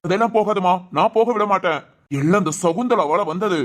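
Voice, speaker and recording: A stubborn, hot-headed grown son in a cartoon, voiced by a woman, fiercely protective of his mother. He talks very fast, ranting and insisting on getting his way. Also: mid-range voice, lightly acted. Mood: indignant. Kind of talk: Tamil family cartoon voice acting.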